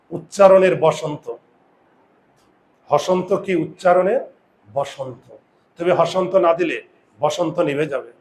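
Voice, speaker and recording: A man teaching a grammar lesson, asking students rhetorical questions and slowly stressing and repeating key words, with confident asides. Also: sits high. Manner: addresses students directly with frequent rhetorical questions. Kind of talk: classroom-style video lesson.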